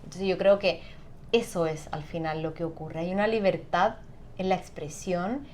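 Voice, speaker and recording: Woman guest, low-ish voice, patient and explanatory; faint noise on the line. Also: normal speed. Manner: calm, explanatory, frequent tag questions. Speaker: sound therapist guest. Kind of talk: conversational interview.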